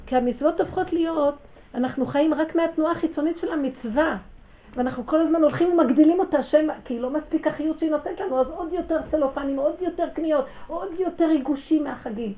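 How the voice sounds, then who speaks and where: Fervent woman teaching, tinny phone-like sound. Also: sits high. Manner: fervent and emphatic, swinging from hushed to loud. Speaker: religious teacher. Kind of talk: religious lesson to women.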